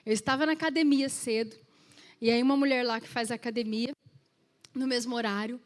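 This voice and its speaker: A woman pastor preaching a sermon in an animated storytelling way, speaking straight to the congregation. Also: fairly high pitch, brisk, long reverb tail. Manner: acts out quoted voices in her stories.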